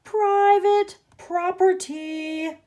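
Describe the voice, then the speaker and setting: A woman voicing a grumpy male cactus who wants to be left alone, yelling gruffly in a picture book read-aloud. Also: mid-range voice, big pitch swings, takes it slowly, full character voice.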